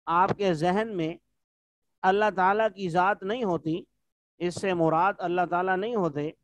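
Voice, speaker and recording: Male teacher, online lesson, patient explainer, a bit high-pitched, dry close sound. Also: no room sound. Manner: explains words patiently, asks students if they follow. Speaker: teacher of Arabic texts.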